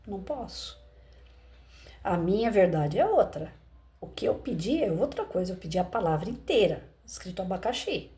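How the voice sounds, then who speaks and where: A woman's voice: mid-range voice, big pitch swings, normal speed, mellow. A woman with a Brazilian Portuguese accent, an educator talking through a parable in a conversational way and asking rhetorical questions. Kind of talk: reflective commentary on a parable.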